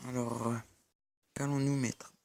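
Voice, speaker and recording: A man's voice: mid-range voice, little pitch movement, a little slow, a little mellow. A young man giving casual mobile-game commentary over a recording of his screen, hesitant and full of fillers. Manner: hesitant, many fillers and restarts. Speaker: gaming YouTuber.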